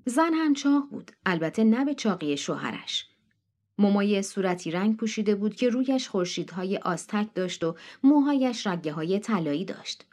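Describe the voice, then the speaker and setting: Woman reading a story aloud, steady. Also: medium pitch. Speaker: narrator. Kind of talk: audiobook reading of a short story.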